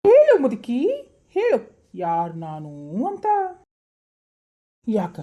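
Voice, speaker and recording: A woman's voice: mid-range voice, very animated, normal speed, a little mellow, dull audio. Woman voicing a vengeful wailing spirit. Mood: demanding. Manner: accusing, taunting, wailing. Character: vengeful female spirit possessing someone, demanding truth.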